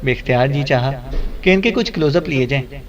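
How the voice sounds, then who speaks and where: A man reading the part of a cheeky young photographer who flatters glibly, in an audiobook. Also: medium pitch, muffled recording, a crowd in the background, lightly acted. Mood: playful.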